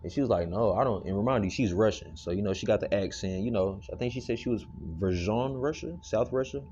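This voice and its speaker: A man's voice: on the low side, quick pace, mellow. A man giving a casual, rambling scripture lesson full of fillers. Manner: loose, rambling, many fillers. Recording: dull lo-fi recording with hum. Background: freezer motor hum.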